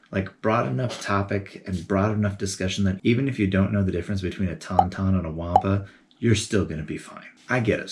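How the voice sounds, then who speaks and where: A man giving a casual, animated video essay, talking in a chatty way with geeky enthusiasm. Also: low-pitched, gravelly, noisy background. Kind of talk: casual commentary to camera.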